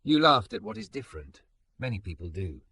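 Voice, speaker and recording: A man voicing a soft-spoken patient immigrant. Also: lowish voice, sing-song, slightly rough, full character voice. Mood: gentle. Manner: soft, gentle, measured. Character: calm patient immigrant man, gently teasing.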